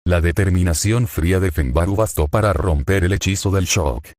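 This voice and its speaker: Deep-voiced man narrating a sardonic story. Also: normal speed, darkish tone, no room sound, studio quality. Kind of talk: scripted narration of fan fiction.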